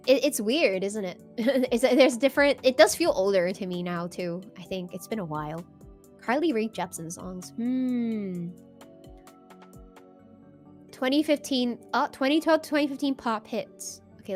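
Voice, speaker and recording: A woman chatting casually on a livestream in a playful, giggly, bubbly anime-streamer manner, with music behind her. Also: medium pitch. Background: background music.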